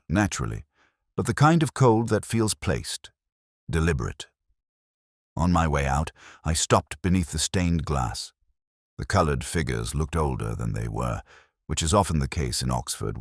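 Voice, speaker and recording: A man voicing a weary, brooding middle-aged police inspector, narrating a mystery in the first person in a measured, reflective way. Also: rumbling low, slightly rough, no echo, clean studio sound, exaggerated voice.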